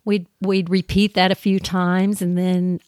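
A woman co-hosting a podcast, talking gently and enthusiastically about teaching children, with frequent restarts. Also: lowish voice, level tone, measured pace, dry recording, clean studio sound. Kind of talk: casual podcast conversation.

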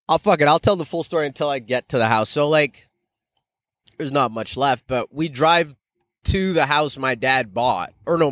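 On a laid-back solo podcast, a stand-up comedian tells stories, swearing and using slang in an animated way while speaking to listeners as "guys." He is in his thirties, from Canada and later Arizona. His voice is mid-range, and the audio is studio quality with no room sound.

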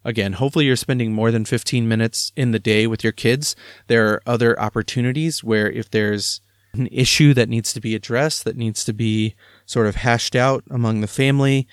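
A man's voice: mid-range voice, fairly even intonation, normal speed, no room sound, studio quality. A man, likely in his thirties, talking through parenting advice in a conversational, reflective way with frequent fillers. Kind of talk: casual advice talk.

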